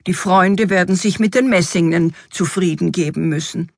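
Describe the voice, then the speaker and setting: A woman voicing an excitable, fussy fairy-tale king in a storybook reading, with an exuberant, exclamatory manner. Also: on the low side, normal speed, creaky, dry recording, clean studio sound. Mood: grumbling.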